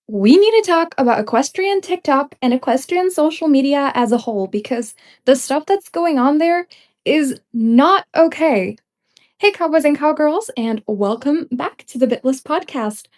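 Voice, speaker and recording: In unscripted ranting commentary, a young woman who hosts a podcast speaks bluntly and emphatically and laughs here and there. Her somewhat high voice is slightly stuffy with a cold.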